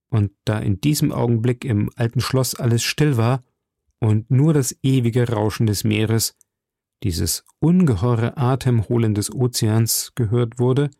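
Gravelly, dark-voiced male narrator. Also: medium pitch, dry recording, clean studio sound. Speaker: audiobook narrator. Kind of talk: scripted narration of a classic novel.

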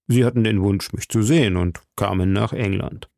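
A coldly mocking aristocratic lord, read by a man in a dark, gravelly voice. His speech is measured and sneering and sounds dry and close. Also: on the low side, no echo. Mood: smooth.

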